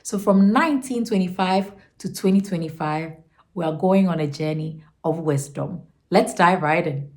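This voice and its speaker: On her channel, a host with a cold breaks down a motivational book, sounding stuffy and nasal. She's earnest and encouraging, drawing words out for emphasis, in a lowish voice at normal speed. Faint music plays in an echoey room.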